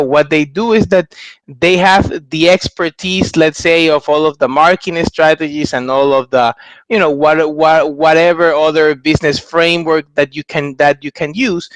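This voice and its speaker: Guy from ecuador, 30s, earnest testimonial on a headset, bit high voice, dry close sound. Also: a bit bright, clean tone, no room sound. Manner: earnest, gestures a lot, many restarts. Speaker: MBA graduate giving a testimonial. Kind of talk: testimonial talk to camera. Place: small indoor room. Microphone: headset mic on a video call.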